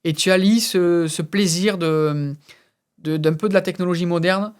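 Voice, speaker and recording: A man's voice: high voice, fairly even intonation, normal speed, clear, resonant tone. A man from France as a guest on an interview, talking casually and hesitantly, with many fillers and repeated words. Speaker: guest racing driver and instructor.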